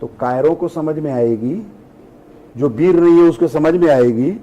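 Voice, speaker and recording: A man's voice: on the high side, normal speed, mellow, poor audio. A middle-aged man, a spiritual teacher, giving a discourse to an audience. He asks rhetorical questions and answers them himself, and he drops English phrases into his talk.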